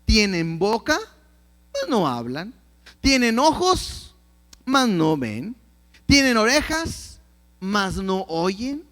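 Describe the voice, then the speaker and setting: A man's voice: high-pitched, sing-song, slow, pauses often, fairly bright tone. A man preaching a Bible lesson, reading scripture aloud and often repeating words as he starts a phrase. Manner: reads scripture aloud and acts out quoted believers. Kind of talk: Bible teaching sermon.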